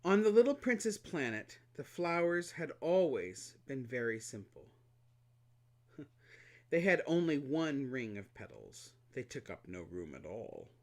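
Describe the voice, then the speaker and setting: Man, storybook reading, animated, lively swooping pitch, mid-range voice. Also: measured pace. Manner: expressive, animated reading with playful asides. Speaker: reader.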